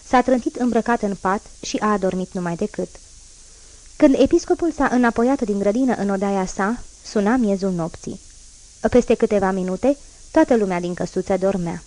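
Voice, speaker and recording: A woman's voice: mid-range voice, darkish tone. Woman reading a classic novel aloud. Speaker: audiobook narrator. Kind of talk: literary audiobook reading.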